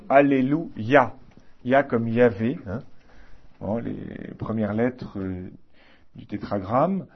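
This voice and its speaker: A man teaching a class on liturgy in an informal, halting way, with many fillers and restarts. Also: medium pitch, husky, lo-fi sound.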